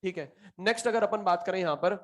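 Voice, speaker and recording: A man's voice: sits high, quick pace. A man teaching a chemistry class, quizzing and teasing his students and repeating the key answers for emphasis. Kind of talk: classroom lecture.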